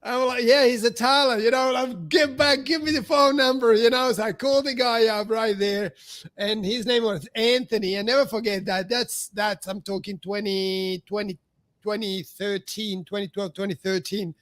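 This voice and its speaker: High-voiced chatty man telling a story. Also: steady tone, moderate pace, a bit bright, no room sound. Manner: chatty, heavy on fillers, acts out quoted dialogue. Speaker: podcast host. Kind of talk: casual storytelling chat.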